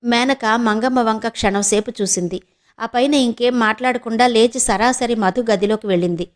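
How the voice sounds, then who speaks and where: A woman's voice: on the high side, moderate pace. A woman from Andhra Pradesh narrating a serialized novel as an audiobook, reading steadily. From Andhra Pradesh, India.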